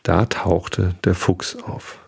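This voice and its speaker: A man reads a children's storybook aloud in a calm, measured way. His voice is very low, with a gravelly creak and a husky edge. The telling stays unhurried. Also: no echo. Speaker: reader.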